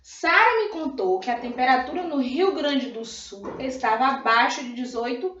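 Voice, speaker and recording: A woman from Brazil, a primary school teacher, giving a grammar review lesson and slowly drawing out syllables to model them. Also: sits high, lively intonation, fairly bright tone. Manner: slow, drawn-out modelling of syllables, often says "ó" and "né". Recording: echoey room, dull lo-fi sound.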